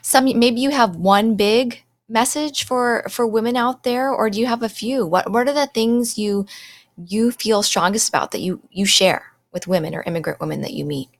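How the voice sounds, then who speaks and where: A woman's voice: a little high, moderate pace. Woman interviewer, eager and inquisitive, reacts with surprise. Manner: curious, animated questions with exclamations. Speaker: interview host. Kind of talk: interview conversation.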